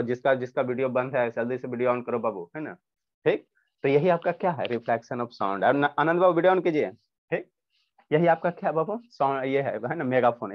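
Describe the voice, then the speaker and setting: A man teaches an online class, posing a question and then answering it himself again and again. His voice sits at an ordinary middle pitch. The sound comes through a dull, lo-fi video call line.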